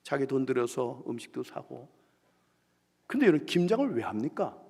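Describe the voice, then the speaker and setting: A man preaching at a revival meeting, telling a story animatedly and acting out the people in it, dropping to hushed asides and rising to loud outbursts. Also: mid-range voice, big pitch swings, moderate pace, gravelly, breathy edge. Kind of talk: sermon with storytelling. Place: church sanctuary. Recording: long hall reverb in church.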